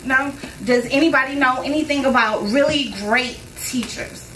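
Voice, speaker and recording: A young woman with a fairly high voice talks to a concert crowd in a loose, conversational way, circling back to key phrases. She is picked up from a distance in a roomy live space, with faint room ambience under her. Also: moderate pace, bright, forceful tone, a little hiss or hum. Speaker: spoken word performer. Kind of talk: storytelling on stage before a performance. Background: faint audience ambience.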